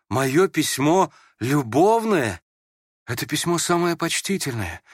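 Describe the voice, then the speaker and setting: A man's voice: on the high side, no echo, studio quality, pitched above the performer's own voice. A man reading an audiobook, voicing a sincere, simple-hearted young prince who speaks plainly and earnestly. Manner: earnest and plain, quiet when hurt.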